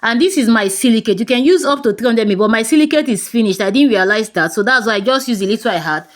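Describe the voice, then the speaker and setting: A woman's voice: on the high side, animated. Chatty Nigerian woman teaching soap-making. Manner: brisk and chatty, addresses viewers directly. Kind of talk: casual tutorial talk.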